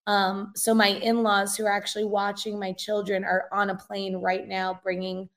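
A woman with a raspy voice that is nearly gone, speaking earnestly and emphatically as an interview guest giving testimony. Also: medium pitch, completely flat delivery, moderate pace, a bit bright. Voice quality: hoarse, raspy voice. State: hoarse, losing voice. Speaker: guest, missionary and revivalist. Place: inside an old rented house, remote guest.

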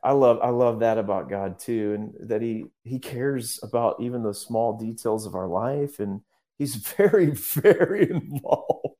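A man's voice: on the low side, moderate pace, hardly any pauses, mellow. A man speaking as a guest minister in a casual interview, earnest and rambling, often restarting his sentences.

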